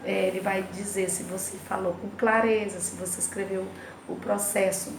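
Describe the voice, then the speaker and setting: A woman's voice: mid-range voice, level tone, normal speed, vocal fry, roomy sound, background noise. A woman teacher with a Brazilian Portuguese accent, going through a lesson for her class and singing bits of nursery rhymes between the explanations. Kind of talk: recorded remote class lesson.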